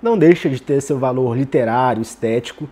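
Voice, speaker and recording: A man's voice: medium pitch, a little fast, warm tone, breathy edge. A man with a Brazilian Portuguese accent giving casual literary commentary, tagging nearly every phrase with "né".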